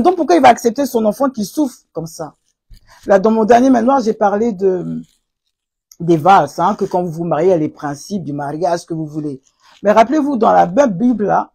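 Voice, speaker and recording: A woman hosting a live stream, speaking in a preachy, impassioned way about faith and couples, bursting into loud exclamations. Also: medium pitch, vocal fry, slightly rough. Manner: preachy, rises to loud exclamations and repeats "aïe". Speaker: live stream host answering viewer comments.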